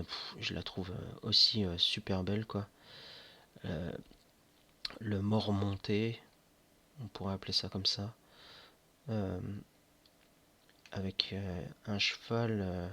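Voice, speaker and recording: Man, lowish bright voice, unhurried and hesitant, chatting about game figurines. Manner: slow, hesitant, many fillers. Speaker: board game reviewer. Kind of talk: casual unboxing commentary. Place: indoors at home near board games.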